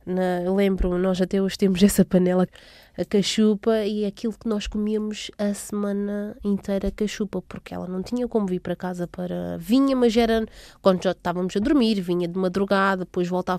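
Young woman from são tomé, soft mellow voice, lots of ums, dry close sound. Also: medium pitch, fairly even intonation, brisk, no room sound. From São Tomé and Príncipe. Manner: hesitant, many fillers and restarts. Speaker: interviewee. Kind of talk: casual personal recollection.

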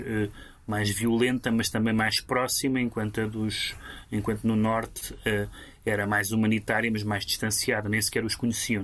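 A man's voice: fairly low pitch, fairly bright tone. A man with a European Portuguese accent discussing a book as a critic on radio, full of fillers and restarts. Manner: hesitant, many fillers and restarts.

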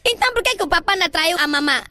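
A man's voice: extremely high pitch, animated, rapid-fire, sharp tone, no room sound, clean studio sound, pitched above the performer's own voice, exaggerated voice. A man voicing a curious young boy who naively questions his father in a comedy sketch.

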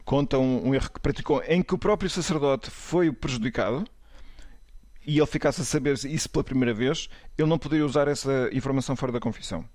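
A man with a European Portuguese accent, a priest speaking in a panel discussion, measured and hesitant, often restarting his sentences. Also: mid-range voice, a little mellow, dry recording.

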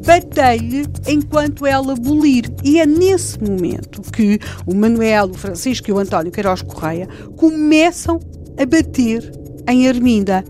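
Woman retelling a dark story vividly. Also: fairly high pitch, expressive, a little slow, faint music behind. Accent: European Portuguese. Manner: vivid, dramatic retelling with restarts and fillers. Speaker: storyteller of a historical case. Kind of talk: conversational true-crime retelling.

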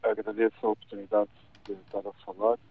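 A man with a European Portuguese accent calling a radio show, giving his views in a halting, stammering but insistent way. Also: on the low side, very animated, vocal fry, breathy edge, no room sound. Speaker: caller. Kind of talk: radio call-in opinion. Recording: tinny phone line.

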